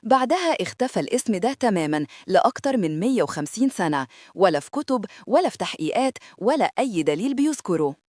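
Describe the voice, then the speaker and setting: A woman with an Egyptian Arabic accent narrating a scripted horror story in a lively, dramatic manner. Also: mid-range voice, fast talker, no room sound, clean studio sound.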